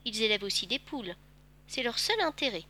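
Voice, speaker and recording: A woman voicing a gentle, wistful male fox who speaks patiently and tenderly in a storybook reading. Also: on the high side, lively intonation, brisk.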